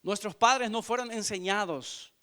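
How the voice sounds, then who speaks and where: A man in his forties, a visiting missionary, giving an earnest sermon testimony in church, moving from hushed to loud. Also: high-pitched, a little slow. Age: 40s.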